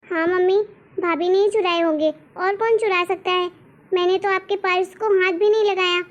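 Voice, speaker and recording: A woman's voice: extremely high pitch, fairly even intonation, normal speed, muffled recording. A woman voicing a spoiled, demanding young college girl in a cartoon story. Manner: whiny and demanding. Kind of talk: cartoon voice acting.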